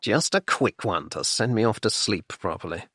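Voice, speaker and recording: A man voicing an exasperated young gentleman who speaks in a dry, mocking, clipped way. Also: lowish voice, expressive, moderate pace, slightly rough, dry recording. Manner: sardonic, clipped.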